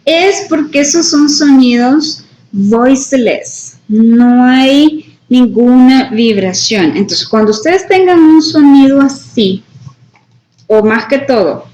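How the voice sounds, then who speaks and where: A woman's voice: high voice, lively intonation, warm tone. A woman English teacher giving a classroom lesson, explaining step by step and checking understanding with frequent tag questions. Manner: slow, explanatory, checks in with "right?" and "¿verdad?". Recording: echoey room, dull lo-fi sound.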